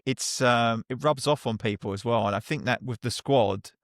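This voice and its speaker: Analytical podcast co-host, frustrated. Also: male voice, medium pitch, moderate pace, no echo, clean studio sound. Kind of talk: casual podcast chat.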